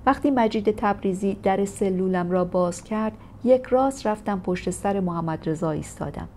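A woman narrating a first-person memoir in a steady, measured audiobook reading. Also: medium pitch, a little hiss or hum. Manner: steady, measured storytelling delivery.

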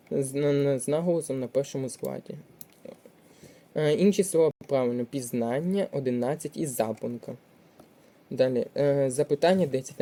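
Tutor, exam prep walkthrough, very dark mellow tone, methodical, hesitant fillers. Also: mid-range voice. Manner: methodical, reads each option aloud and checks it; frequent hesitation sounds. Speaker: language tutor.

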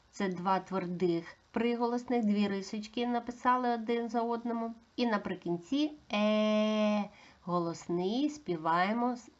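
A woman's voice: mid-range voice, lo-fi sound. A woman giving a patient phonics lesson to small children, sounding out letters and singing the vowels. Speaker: preschool teacher.

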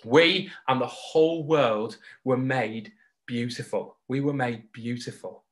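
A man preaching a sermon in an earnest, heartfelt way, slowing down and pausing to stress key words. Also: medium pitch. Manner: earnest, heartfelt, with slow emphatic pauses. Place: home recording for an online service.

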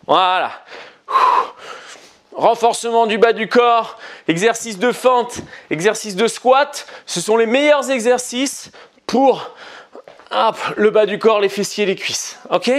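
Male fitness coach, high-pitched, unhurried delivery, counts reps and pushes people on. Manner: encouraging, counts reps and urges on. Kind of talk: guided home workout instruction.

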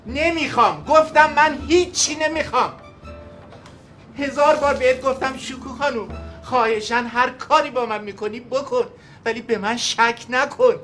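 A man's voice: very high-pitched, a bit bright, faint music behind. An actor playing a sulky, defensive middle-aged husband who grumbles and raises his voice in a sitcom. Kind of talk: sitcom acting.

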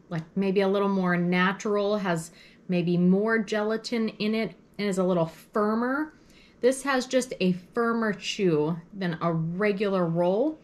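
Woman, mid-pitched, chatty home cook reviewing dishes as she tastes them. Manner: chatty, describes flavors and textures in detail. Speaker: food blogger recreating vintage recipes. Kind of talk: casual taste-testing commentary.

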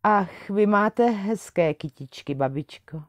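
A woman voicing a sweet, eager seventeen-year-old princess who speaks in a bright, eager way. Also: mid-range voice, animated, no echo, clean studio sound, lightly acted.

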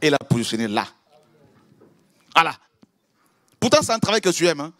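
A man preaching a sermon, acting out prayers and exchanges with God, swinging from loud outbursts to hushed asides. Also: a little high, normal speed, no echo, clean studio sound. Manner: animated, acts out prayers and dialogues with God.

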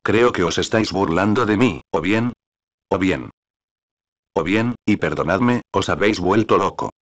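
A man voicing a proud, reserved young gentleman who answers his father coldly and with dignity. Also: low-pitched, a little slow. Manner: cold, dignified.

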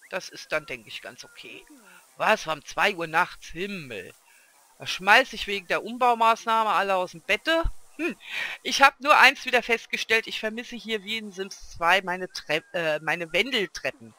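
As a let's play host, a man comments casually on his own gameplay, talking to the game characters and coaxing them along. His voice is high-pitched and bright, with a forceful tone.

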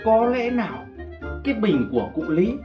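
A woman's voice: mid-range voice, sing-song, normal speed, muffled recording, lightly acted. A woman playing a cheeky, nosy young male servant in a slapstick comedy film, polite with sly asides. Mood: puzzled musing. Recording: echoey room with music underneath.

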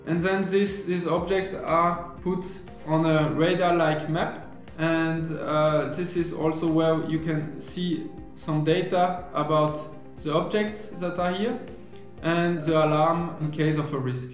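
A man in his thirties talks an audience through his invention from his desk, pausing and restarting often. His voice sits a bit high and rings around a very echoey office. Soft music plays underneath. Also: steady tone. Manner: halting, many restarts and fillers, earnest. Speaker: engineer and founder of a marine detection product. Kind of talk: explaining a product to camera. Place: office room, indoors.

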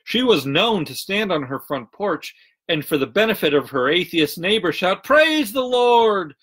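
A man's voice: fairly high pitch, animated, moderate pace, a bit bright, breathy edge. A male pastor on a livestream, chatting with viewers and reading jokes aloud. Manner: chatty, greets online viewers by name. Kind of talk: livestreamed sermon and joke reading.

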